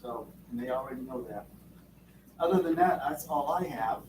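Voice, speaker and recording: This school board member from Vermont rambles through folksy remarks, leaning on many fillers, at a normal speed in a mid-range voice. He is far from the mic in the board's meeting room, where the sound echoes and background noise comes through.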